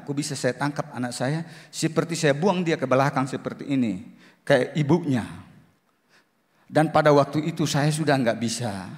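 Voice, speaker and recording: A middle-aged man, a pastor, telling a personal testimony in a sermon, moving between hushed and loud passages. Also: mid-range voice. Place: church service hall. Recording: long hall reverb.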